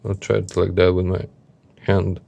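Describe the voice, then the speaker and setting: A man giving a casual, unscripted product review as a vlogger, speaking haltingly and often searching for his words. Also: deep voice, completely flat delivery, gravelly, mellow. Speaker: watch reviewer.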